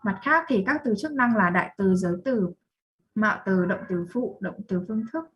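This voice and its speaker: A woman's voice: mid-range voice, animated, moderate pace, husky, dull audio. A young woman with a Vietnamese accent giving a student presentation, reading definitions and then explaining them again. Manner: reads slide definitions then restates them.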